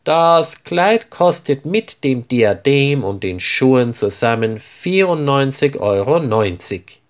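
A man voicing a polite, friendly female shop assistant in a storybook reading, with a helpful manner and unhurried delivery. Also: mid-range voice, big pitch swings.

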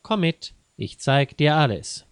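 A paranoid, secretive woman of a storybook, as a male reader puts her on, insisting in a slow, deliberate, conspiratorial way that spies are everywhere. The voice is close and dry, with no room sound at all. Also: on the high side, very animated, clean tone, no echo. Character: paranoid secretive woman distrusting spy agencies.

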